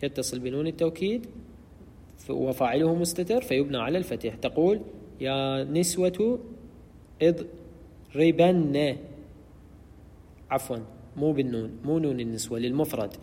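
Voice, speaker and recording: A man's voice: mid-range voice, lively intonation, brisk, warm tone, big-room sound. A man teaching Arabic grammar in a methodical lecture, repeating key terms and correcting himself as he goes. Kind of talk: explanatory lecture.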